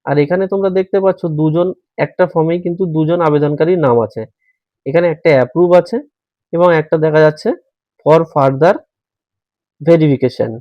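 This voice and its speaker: A man's voice: a little high, no room sound. Patient man explaining step by step. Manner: patient, step-by-step explaining, addressing viewers as friends. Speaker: tutorial host. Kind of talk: screen-recorded how-to walkthrough. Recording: dry, slightly dull voice-over.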